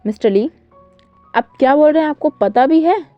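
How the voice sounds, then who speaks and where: A scheming older man who argues his case persuasively and wheedles, as a woman narrator puts him on. The delivery sits fairly high and sounds muffled and dry. Faint music runs behind it. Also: normal speed, no echo, lightly acted.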